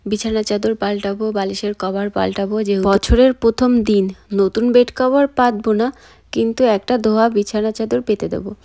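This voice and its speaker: A woman's voice: mid-range voice, fairly even intonation, normal speed, warm tone. A woman from India, narrating a casual home vlog as a mother and chatting to viewers as she points things out. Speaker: vlogger and mother. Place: family home.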